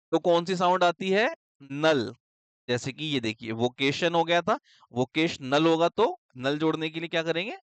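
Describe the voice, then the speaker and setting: A man's voice: a little high, clean tone, dry recording. A man teaching a shorthand lesson in a casual, explanatory way. He keeps asking questions and answering them himself, and he checks in with his students often.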